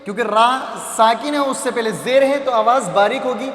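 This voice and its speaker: A man's voice: extremely high pitch, moderate pace, a bit bright. A man teaching how to read Arabic letters, patiently repeating syllables and asking and answering his own questions. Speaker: Quran reading teacher. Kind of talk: slow phonics lesson on Arabic letters. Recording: echoey hall with faint ambience.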